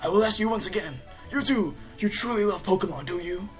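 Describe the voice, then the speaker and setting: A woman voicing a grave, stern old male professor in a video game, speaking slowly and solemnly. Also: mid-range voice, soft background music, natural voice.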